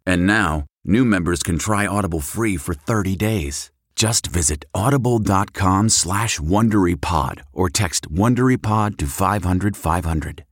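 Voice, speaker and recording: A male announcer reads a scripted podcast ad. His voice is very low and husky, with a dry, close sound. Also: a little slow, few pauses, no room sound.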